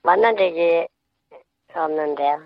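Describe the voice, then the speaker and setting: A man in his seventies, a phone-in guest, speaking through a voice changer that shifts his pitch, giving short, hesitant answers. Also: a little slow, vocal fry, a crowd in the background. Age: 70s. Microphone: telephone. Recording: dull, dry phone line.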